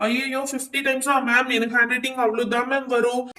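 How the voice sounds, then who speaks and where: A woman's voice: high voice, little pitch movement, fast, pushed and bright. Woman voicing a meek pupil in an echoey room. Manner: meek, pleading. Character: nervous schoolchild pupil. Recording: echoey room, distant mic.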